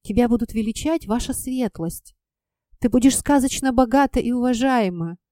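A woman voicing a gentle, soothing middle-aged mother who speaks softly and conciliatorily. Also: fairly high pitch, normal speed, no room sound, clean studio sound, lightly acted. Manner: soft, hushed, conciliatory.

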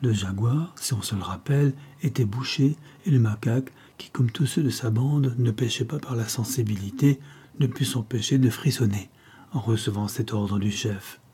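A man's voice: mid-range voice, moderate pace, slightly rough. A man narrating a novel as an audiobook, telling it steadily and voicing the characters. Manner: steady storytelling with voiced characters.

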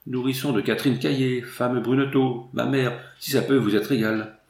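A man doing a booming rustic young soldier. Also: fairly even intonation, moderate pace, vocal fry, darkish tone, echoey room, natural voice. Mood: blunt. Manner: boisterous, booming country talk. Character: loud rustic young male soldier, jovial and blunt.

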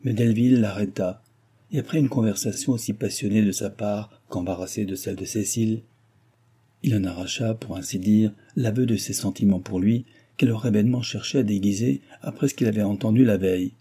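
Husky-voiced man narrating a classic novel. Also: on the low side, fairly quick, warm tone. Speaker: audiobook narrator. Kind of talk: literary audiobook narration.

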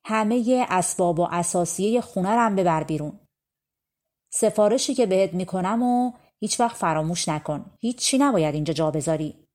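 A woman voicing a stern old grandfather spirit who speaks from the hearth, giving loud scolding commands. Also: fairly low pitch, animated, natural voice. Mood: insistent.

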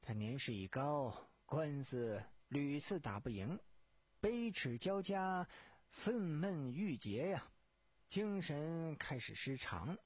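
A gossiping townsman who sighs over sad news as he shares it, put on by a male storyteller. He speaks slowly in a lively, rising and falling voice with a husky edge. The sound is close and dry. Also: fairly high pitch, no room sound, exaggerated voice. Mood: confiding. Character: male townsman giving a detective leads.

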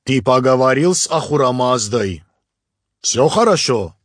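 A male narrator voicing a big, cheerful, good-natured boat skipper who talks slowly and tags phrases with a questioning "da?". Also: medium pitch, expressive, dry recording, pitched above the performer's own voice. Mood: calm. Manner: slow, drawn-out, ends phrases with a questioning "da?". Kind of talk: audiobook character voice.

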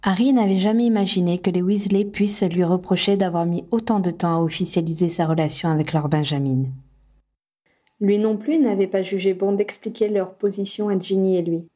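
A woman reading fan fiction aloud as an audiobook, with steady, even narration. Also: medium pitch, brisk. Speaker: audiobook reader.

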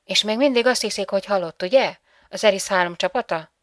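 A woman's voice: medium pitch, no room sound, clean studio sound, close to an everyday voice. A woman reading the part of an inquisitive female TV interviewer in an audiobook.

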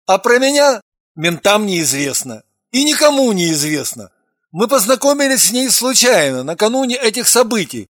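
Женщина озвучивает обидчивого молодого парня. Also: female voice, medium pitch, very animated, normal speed, dry recording, clean studio sound, voice pushed up. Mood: defensive. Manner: curt, defensive, sulky. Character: touchy young man, defensive nephew. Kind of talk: audiobook reading.

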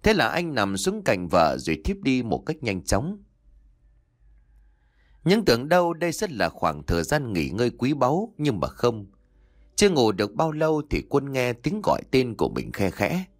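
A man narrating an audio story in a dramatic, expressive storytelling manner. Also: mid-range voice, normal speed, dry recording, studio quality. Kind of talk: scripted narration.

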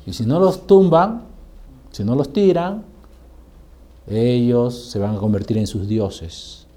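A male pastor preaching a sermon with passion, building up to loud, emphatic peaks. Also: mid-range voice, animated, slow.

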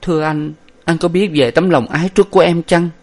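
Tearful, pleading young woman in grief played by a male reader, raised high. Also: steady tone, a little fast, darkish tone.

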